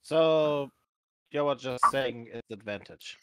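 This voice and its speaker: A player in a tabletop role-playing game, chatting in a lively way about what the party needs. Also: mid-range voice, slow, faint music behind. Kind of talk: casual tabletop role-play.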